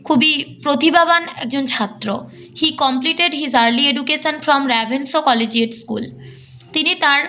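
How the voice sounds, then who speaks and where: A woman teaching an exam-prep English lesson. She reads English lines slowly, then explains them briskly. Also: high-pitched, bright, forceful tone, slight background noise.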